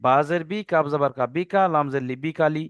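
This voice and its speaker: A man gives an online reading lesson, patiently spelling out letters and vowel marks one step at a time and stretching the recited words out slowly. His voice is slightly high and clean, with no echo, though the audio sounds dull.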